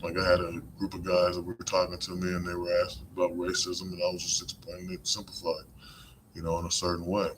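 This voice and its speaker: A man's voice: low-pitched, completely flat delivery, quick pace, fairly bright tone, slight background noise. A man hosting a live-streamed podcast, talking in a rambling, conversational monologue full of "you know" asides. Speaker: podcast host.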